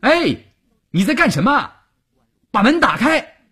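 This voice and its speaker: A man voicing a loud, impatient young sentry soldier. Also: very high voice, sing-song, a little slow, slightly rough, voice pushed up, full character voice. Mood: angry. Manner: shouting, demanding.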